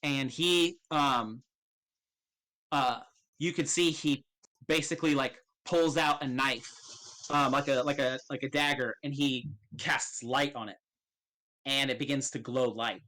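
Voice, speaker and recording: A man narrates a tabletop game as its game master. His voice is bright and forceful at a middling pitch, and his delivery is casual, halting and loosely improvised. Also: fairly even intonation, low-quality recording. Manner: casual, halting, swears freely.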